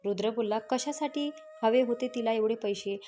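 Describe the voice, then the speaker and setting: A woman's voice: a little high, moderate pace, warm tone. A woman narrating a family drama story, reading every character's lines in a near-normal voice. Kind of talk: scripted story narration, voicing all characters.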